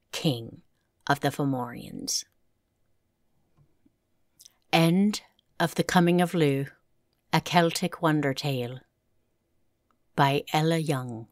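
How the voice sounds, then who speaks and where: Woman reading a legend real slow, deep voice. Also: no echo, clean studio sound. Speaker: audiobook reader. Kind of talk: storybook narration.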